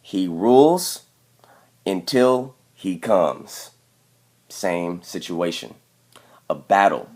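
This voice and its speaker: Deep-voiced man pressing his theory. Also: very animated, extremely slow, long pauses, a little mellow. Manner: emphatic, repeats "okay?" to press points. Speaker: video commentator. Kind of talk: explanatory commentary over clips.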